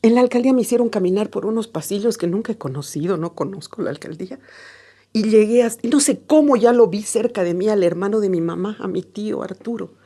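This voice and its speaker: Woman, husky and mellow, documentary interview, vivid storyteller. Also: mid-range voice, quick pace. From Bolivia. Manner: vivid storytelling, acts out remembered dialogue. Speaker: interviewee, daughter recalling her father's death.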